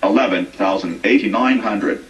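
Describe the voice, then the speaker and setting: A male computer voice playing a troublemaking schoolboy, flat and synthetic, heard far off with echo and faint music as if taped from a TV. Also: lowish voice, moderate pace, highs cut off, lightly acted. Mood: whiny. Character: troublemaking rude schoolboy, defiant and goofy.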